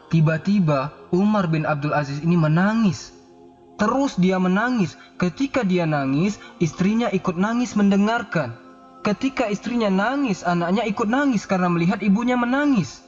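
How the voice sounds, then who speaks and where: Guy preaching a story, kinda high voice, earnest, faint music behind. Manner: earnest storyteller, stretches Arabic phrases slowly. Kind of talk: sermon storytelling. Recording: slightly dull recording with faint music.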